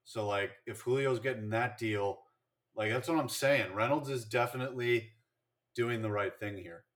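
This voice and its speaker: A man's voice: mid-range voice, moderate pace, fairly bright tone. A man co-hosting a casual sports podcast, chatting and rattling off statistics with fillers and restarts. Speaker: podcast co-host.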